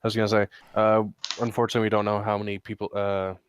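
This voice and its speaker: A man's voice: on the low side, monotone, rapid-fire, clear, resonant tone. A man chatting as a player in a tabletop game, thoughtful and hesitant. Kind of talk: tabletop role-play chat.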